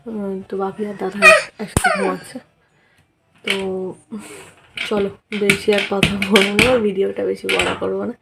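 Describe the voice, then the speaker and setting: A woman's voice: mid-range voice, steady tone, normal speed, vocal fry, long pauses, over loud music. A woman vlogging at home at night, chatting casually and coaxing her small son with repeated words. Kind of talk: casual vlog chat.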